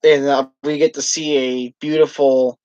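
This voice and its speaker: A man's voice: medium pitch, level tone, measured pace, darkish tone, no echo, highs cut off. Man chatting about trains on a call. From northwestern Indiana. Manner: enthusiastic, rambling railfan detail. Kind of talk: casual chat on a video call. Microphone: video call.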